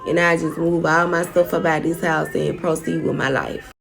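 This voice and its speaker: A woman's voice: low voice, steady tone, normal speed, vocal fry, soft background music. A young woman vlogger telling a personal story straight to her viewers, frank and often profane.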